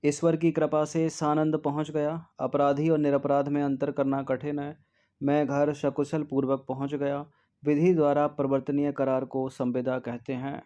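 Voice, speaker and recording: A man working through test answers as a tutor, dwelling on each spelling and saying it twice. His voice sits a little high but stays flat and even. The tone is mellow and soft rather than bright. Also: muffled recording. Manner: drills spellings slowly, repeats words, frequent "ठीक है". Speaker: Hindi exam tutor. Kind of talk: test-series answer walkthrough.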